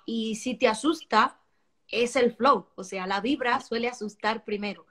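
A woman singer talking about her album in a casual interview, animated and expressive, often repeating words as she searches for them. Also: on the high side, measured pace. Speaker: singer-songwriter guest.

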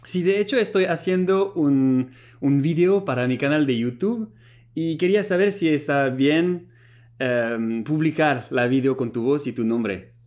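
A man's voice: fairly high pitch, measured pace. A man in his thirties from France, a YouTube host, chatting friendly on a phone call and to camera in his living room, laughing often. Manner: friendly and lively, laughs often, switches languages. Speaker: YouTube host reviewing a language app. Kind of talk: casual phone chat and presenting to camera.

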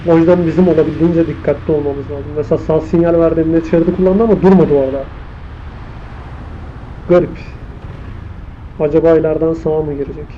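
Riding along, a motorcycle vlogger with a fairly high voice talks fast in a steady tone, leaving long pauses as he thinks aloud and comments on traffic. He's muffled by the mic inside his helmet, and wind, engine and traffic noise are loud.

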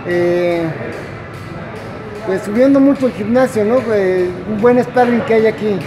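A man, a boxing news reporter asking a trainer brisk questions off camera. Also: sits high, music in the background. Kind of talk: interviewer questions.

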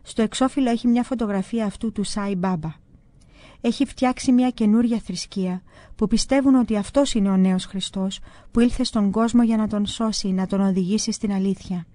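A woman reads a religious book aloud in a calm, even first-person narration. Her voice is mellow and warm, sitting at a middle pitch. The recording is dry and close, with no room sound. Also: no echo. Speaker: audiobook reader.

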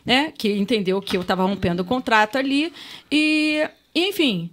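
High-voiced woman from Rio telling a story. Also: moderate pace. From Rio de Janeiro, Brazil. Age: middle-aged. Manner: lively, emotional storyteller who swears casually. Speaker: guest. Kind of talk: casual storytelling in a podcast chat.

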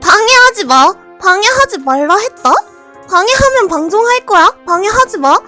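A woman streaming a game live, scolding and laughing at her viewers in a loud, shouty way. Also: extremely high pitch, expressive, normal speed, soft background music.

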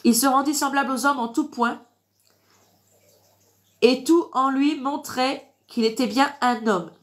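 An online preacher with a high-pitched, congested voice from a blocked nose teaches the Bible informally on a livestream. She reads verses in an unhurried way, driving points home through didactic repetition and frequent amens.

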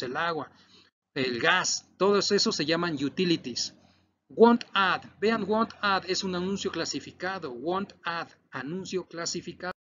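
Man, Mexican Spanish accent, teacher, word-by-word vocabulary drill, fairly high voice, muffled lo-fi sound. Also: a bit bright. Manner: drills word pairs, switching between English and Spanish. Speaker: English teacher. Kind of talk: recorded classroom lesson. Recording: dull lo-fi recording.

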